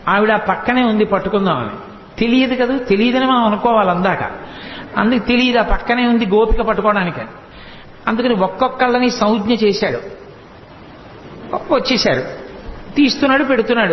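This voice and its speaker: A man's voice: very high voice, a little hiss or hum. Man telling a devotional story in an echoey hall. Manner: animated storytelling, chants verses in a sing-song tone. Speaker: spiritual discourse speaker. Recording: echoey hall, dull lo-fi sound.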